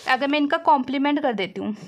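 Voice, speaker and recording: A woman's voice: sits high, lively intonation, fast. A woman lecturing on mathematics, explaining a proof step by step and constantly asking and answering her own questions, mixing in English math terms.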